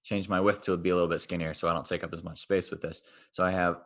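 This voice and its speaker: A man's voice: deep voice, flat delivery, fast talker, fairly bright tone. A male math teacher recording a casual online lecture, thinking aloud and correcting himself as he draws on screen.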